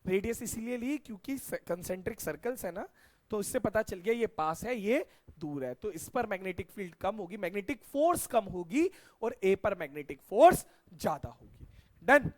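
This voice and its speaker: A man's voice: high-pitched, expressive, moderate pace. A middle-aged man teaching a science class, asking his students questions and repeating the key answers back to them.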